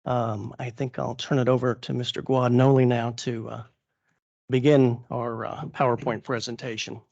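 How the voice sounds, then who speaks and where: A man presenting formally at a public meeting as an applicant's attorney, halting with many fillers and restarts, and losing his voice. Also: mid-range voice, flat delivery, gravelly, darkish tone, no room sound, lo-fi sound. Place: council chamber.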